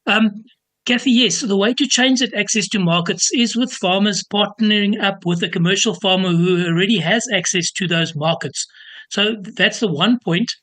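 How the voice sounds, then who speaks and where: A man's voice: high voice, moderate pace, sharp tone. A South African man answering as an expert guest in a radio interview.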